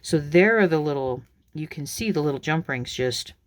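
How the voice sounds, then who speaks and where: A woman's voice: low-pitched, lively intonation, moderate pace, no room sound. A woman talks through her crafting work in a loose, unscripted way. She rambles, restarts her sentences and fills the gaps with ums as she demonstrates each step. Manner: chatty and rambling, many ums and restarts, laughs at herself. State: has the hiccups. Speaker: craft video maker.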